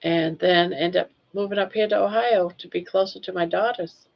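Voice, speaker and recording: An older woman from Maine, USA chats casually on her livestream, reading comments, rambling, and laughing readily. Her gravelly voice is fairly low with fairly even intonation and a moderate pace. The recording has dull, lo-fi stream sound.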